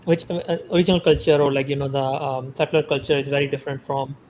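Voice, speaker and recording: A man from Pakistan, a podcast guest, talking casually in a halting way full of fillers and restarts. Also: mid-range voice, little pitch movement, darkish tone, a little hiss or hum, low-quality recording.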